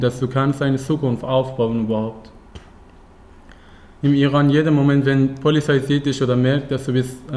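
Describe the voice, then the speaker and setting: A nineteen-year-old man from Afghanistan, not a native German speaker, telling his own story at a talk in halting German with many fillers and restarts. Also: mid-range voice, a little mellow. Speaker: guest speaker. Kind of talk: personal account at a talk.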